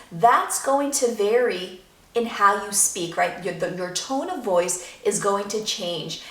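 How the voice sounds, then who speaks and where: A woman drama teacher giving a clear, instructive video lesson to students. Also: medium pitch, fairly bright tone, reverberant, recorded from a distance.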